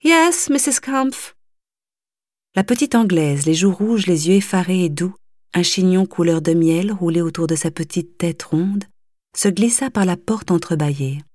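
A woman reading a novel aloud as an audiobook narrator, in a measured, deliberate way. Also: fairly low pitch, warm tone, dry recording, clean studio sound. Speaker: audiobook reader. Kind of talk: scripted literary narration.

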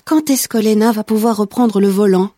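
A woman's voice: mid-range voice, moderate pace, dark tone, no room sound, studio quality, lightly acted. A woman voicing a nervous elderly lady in her eighties in a storybook reading, hesitant and fretting. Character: timid, anxious old woman in her eighties.

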